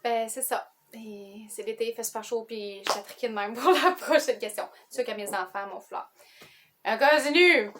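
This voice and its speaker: Chatty Quebec woman with a high voice. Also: moderate pace, background noise. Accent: Quebec French. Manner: chatty, rambling, with self-interrupting asides. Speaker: book vlogger. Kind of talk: casual chat to camera.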